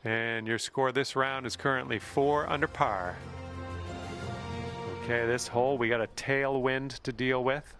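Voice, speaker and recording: A man's voice: mid-range voice, steady tone, a little slow, music in the background, close to an everyday voice. A man playing an encouraging TV golf commentator, giving casual play-by-play as in a golf video game. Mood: calm, informative.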